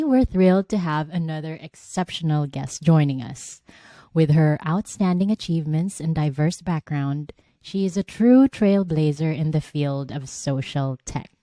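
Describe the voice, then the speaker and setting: A woman hosting a tech podcast reads a scripted welcome, then eases into questions. Her voice is deep and warm, and it sounds close and dry through a studio microphone. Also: dry recording. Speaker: podcast co-host. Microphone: studio mic with headphones.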